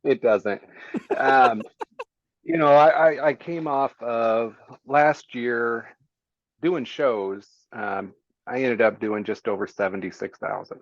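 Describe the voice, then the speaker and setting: A man being interviewed as a guest, talking in an easygoing, plain-spoken way with many pauses. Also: mid-range voice, no room sound, muffled recording. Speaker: guest, small business owner. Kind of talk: casual interview chat.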